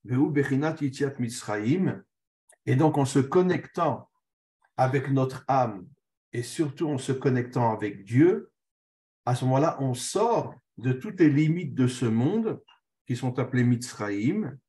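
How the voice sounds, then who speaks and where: A man's voice: mid-range voice, animated, a little slow, dark tone. A man, a rabbi, giving a religious text lesson. He reads short passages aloud, then explains them earnestly in plain terms. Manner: earnest, repeats key phrases for emphasis. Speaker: rabbi teaching.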